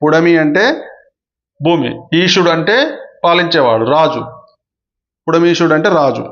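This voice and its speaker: A man's voice: a little high, animated, unhurried, fairly bright tone, muffled recording. A man teaching an exam-prep grammar lesson, repeating key points and checking in with listeners often. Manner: repetitive, asks "okay?" often.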